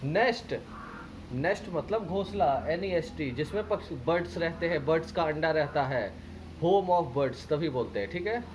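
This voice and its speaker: Slow, patient Indian man teacher. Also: a little high, animated, a little hiss or hum, poor audio. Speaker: primary school English teacher. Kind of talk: online lesson, reading a story slowly and explaining words.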